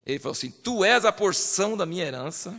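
Pregador animado, voz aguda, igreja com eco. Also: male voice, sits high, quick pace, in a large hall. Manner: animated, acts out believers in quoted voices. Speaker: preacher. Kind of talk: sermon.

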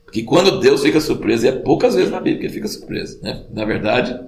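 Animated man teaching a sermon. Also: medium pitch, fast talker. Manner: conversational, animated, tag questions like "né?" and "entendeu?". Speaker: Bible teacher. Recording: roomy echo.

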